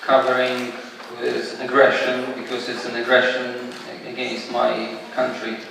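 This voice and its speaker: A man moderating a panel and interpreting aloud, with halting restarts. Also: medium pitch, completely flat delivery, gravelly, crowd noise. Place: large exhibition hall, indoors. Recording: distant mic in an echoey hall.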